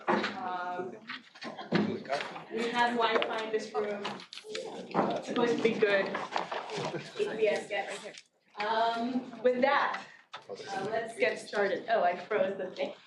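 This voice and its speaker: A woman professor lectures to a classroom, her voice set a little high and easygoing, full of fillers and restarts. She is picked up from a distance, so the room echoes around her. A steady noise sits under the recording. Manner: conversational with frequent fillers and restarts. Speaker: marketing professor. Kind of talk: conference lecture presentation. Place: large classroom.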